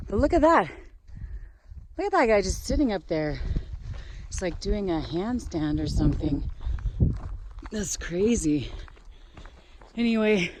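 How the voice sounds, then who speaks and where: A woman vlogging on a high mountain trail, wry and exclamatory, cheerfully complaining and swearing casually, filmed on a handheld camera outdoors. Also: rough recording. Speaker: long-distance hiker vlogging the trail. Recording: loud wind noise, outdoors.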